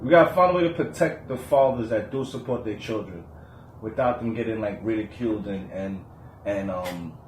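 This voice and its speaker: A man's voice: on the low side, moderate pace, roomy sound, slight background noise. A man co-hosting a podcast in casual chat, earnest, restarting his sentences as he makes a point. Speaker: podcast co-host.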